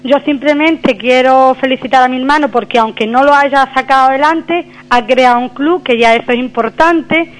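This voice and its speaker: A woman's voice: high voice, moderate pace, hardly any pauses, low-quality recording. A woman calling in to a radio show over the phone, talking hesitantly with many fillers and restarts. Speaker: radio caller.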